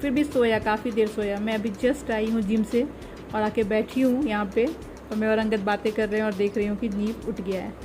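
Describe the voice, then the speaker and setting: A woman's voice: medium pitch, fairly even intonation, a little fast, over music. A young woman talking casually to her viewers in a home vlog, chatty, narrating what is going on around her at home. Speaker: vlogger. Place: home balcony at night.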